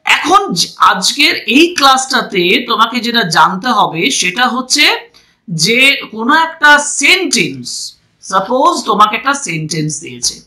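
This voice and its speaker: A woman's voice: a little high, very animated, a little slow, pushed and bright, rough recording. A woman with a Bengali accent teaching English grammar in a class, explaining step by step and asking questions she answers herself.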